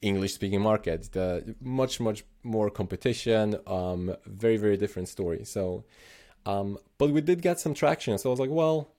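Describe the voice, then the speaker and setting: A man from Slovenia with a low, mellow voice chats on a podcast. He talks thoughtfully, stopping and restarting his sentences as he works out what he means. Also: moderate pace, hardly any pauses. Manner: thoughtful, many restarts and self-corrections. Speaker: podcast host. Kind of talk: casual podcast chat.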